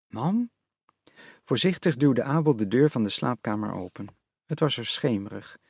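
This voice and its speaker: A man narrating an audiobook in a measured storytelling manner. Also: medium pitch, lively intonation, vocal fry, a little mellow, husky, dry recording, clean studio sound.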